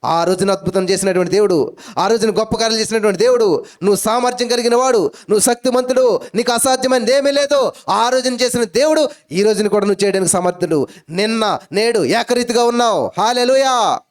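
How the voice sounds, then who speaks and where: High, resonant-voiced preacher man. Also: fairly quick. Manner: emphatic preaching with repeated hallelujahs and rhetorical questions. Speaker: pastor. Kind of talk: sermon. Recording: faint music behind.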